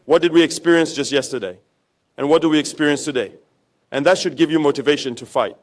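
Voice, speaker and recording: A man's voice: on the high side, quick pace. A man giving a rallying political speech to troops as a military leader, exhorting them with repetition and rhetorical questions.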